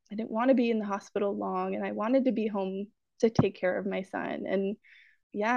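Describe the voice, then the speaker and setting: A young woman with a gravelly, creaky voice talks reflectively through her experience, circling back with fillers and soft laughs. The sound is dry and slightly dull, like a lo-fi call recording. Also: medium pitch, dry recording. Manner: reflective, rambling with fillers and restarts, light laughs. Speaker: guest sharing her birth story. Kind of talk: podcast interview.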